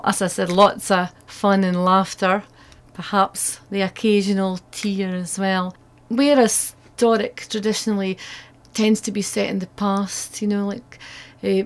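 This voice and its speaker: A woman with a North East Scottish accent speaks as an interviewed author. Her voice sits on the low side and moves very little in pitch. She answers at length about her own work. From North East Scotland.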